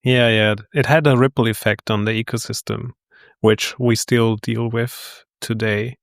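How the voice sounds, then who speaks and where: A man hosts a technical interview and asks his questions in a measured, deliberate way. His voice sits at a middle pitch. The recording is dry, with little room sound. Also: level tone, creaky, no room sound. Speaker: podcast host.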